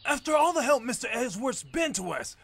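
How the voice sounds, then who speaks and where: Casting: male actor as gruff, loyal, hot-headed detective, very high-pitched and swooping, blustering slang, game-based audio drama. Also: very animated, a little fast, fairly bright tone, no room sound, heavily acted. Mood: earnest. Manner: blustering, slangy, ends remarks with "pal". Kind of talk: fan audio drama acting of a video game story.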